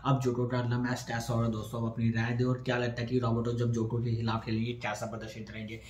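A man's voice: mid-range voice, monotone, quick pace, darkish tone, slight background noise. A young man recording a tennis post-match analysis to camera in a small indoor room, chatty and repetitive, calling his viewers friends. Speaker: tennis vlogger. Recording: echoey room.

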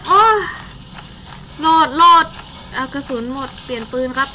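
A young Thai woman runs a game stream from her desk indoors, giving casual, chatty live commentary and exclaiming as she plays. Her voice is high and her pace normal, with a noisy background.

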